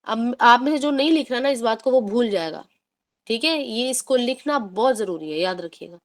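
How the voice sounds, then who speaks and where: A woman teaching a tajweed lesson, explaining patiently, mixing in English words and drawing out recited words slowly to demonstrate. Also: a little high, animated. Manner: mixes English words into her talk.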